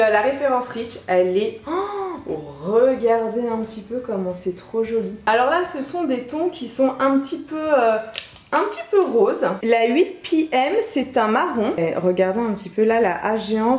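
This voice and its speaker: A young woman chatting excitedly to camera as a beauty vlogger, sitting at her makeup table indoors. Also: on the high side. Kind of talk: casual beauty vlog. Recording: echoey room.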